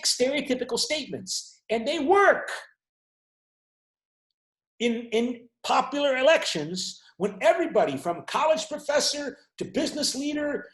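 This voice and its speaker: A male university lecturer explains things at length during an online class, frequently checking in with his students. His voice is very high-pitched and reverberant, picked up through a video call microphone.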